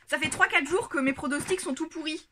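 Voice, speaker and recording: A woman vlogger chatting casually to a camera on a tripod, giggling often and filling pauses with lots of hesitations. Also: high voice, heavy background noise. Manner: chatty, giggly, many fillers. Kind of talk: casual unboxing chat.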